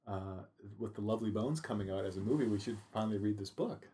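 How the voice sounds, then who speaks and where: A man co-hosting a casual chat, talking haltingly with many fillers and restarts. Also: on the low side, warm tone. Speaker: podcast co-host.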